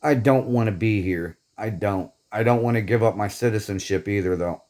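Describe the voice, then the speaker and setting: A man from Northeast Indiana, USA, vents to the camera in an angry personal rant, bitter, profane and emphatic about his grievances. His voice sits on the low side with a darkish tone, and he talks at normal speed.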